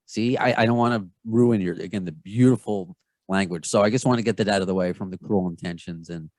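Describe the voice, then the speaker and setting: A man's voice: fairly low pitch, fairly quick, darkish tone, dry recording. A man in his thirties with a Long Island New York accent, hosting a podcast interview in a chatty, rambling, self-deprecating way. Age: 30s. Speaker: podcast host. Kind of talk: casual interview.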